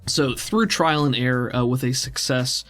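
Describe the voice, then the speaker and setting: Narrating a tabletop role-playing game over background music, a game master improvises in a conversational way. His mid-range voice is animated and a bit bright, at a normal speed.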